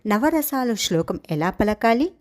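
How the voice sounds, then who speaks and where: A woman giving a dance theory lesson, explaining each term slowly and chanting a verse in a measured way. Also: a little high, big pitch swings. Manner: slow, deliberate, stretching and chanting key terms. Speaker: dance teacher.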